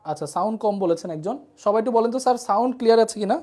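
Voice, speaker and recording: A woman's voice: a little high, rapid-fire, dark tone. A woman teaching a live online geography lesson, often checking whether the students have understood and giving them playful memory tricks. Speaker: online tutor.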